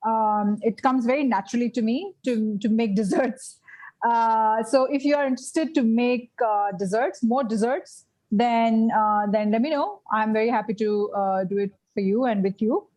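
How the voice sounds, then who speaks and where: Chatty woman, slightly high voice, on a video call. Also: moderate pace, darkish tone, low-quality recording. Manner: hesitant, many fillers and restarts, laughs often. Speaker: guest vegan baking instructor. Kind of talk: casual live cooking class chat.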